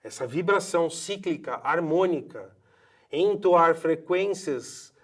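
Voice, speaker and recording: A man in his fifties with a Brazilian accent, a voice doctor speaking in an expressive, emphatic way. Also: on the high side, takes it slowly. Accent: Brazilian Portuguese. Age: 50s. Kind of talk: passionate promotional talk.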